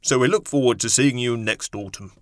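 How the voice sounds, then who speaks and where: A man's voice: mid-range voice, brisk, no room sound, lightly acted. A man voicing a fussy elderly academic interviewer who dithers and stumbles over names, in a dry recording. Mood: dithering.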